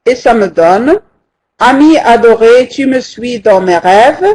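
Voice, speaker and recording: A teacher giving a live online language lesson, patient and hesitant, with frequent pauses. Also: medium pitch, lively intonation, a little mellow. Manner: counts syllables aloud, slowly and deliberately. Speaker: French teacher.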